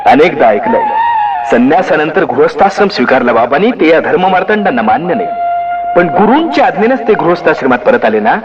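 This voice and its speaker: A man's voice: on the high side, sing-song, brisk, muffled recording, voice pushed up. A man doing a fiery, indignant young brother. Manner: raised, heated, indignant. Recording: music behind the voice.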